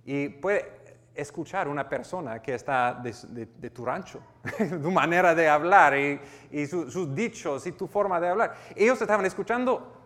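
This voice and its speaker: An American-accented pastor preaches a sermon, earnestly reading scripture and explaining it, often restarting and correcting himself. His voice is on the high side, animated and fairly bright, at a normal speed, with a long reverb tail.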